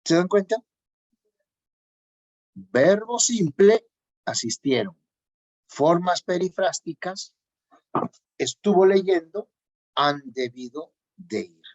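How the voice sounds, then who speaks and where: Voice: medium pitch, lively intonation, slow, pauses often, a little mellow. A teacher giving a grammar lesson, repeating key points and checking in with the students. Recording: dull lo-fi recording.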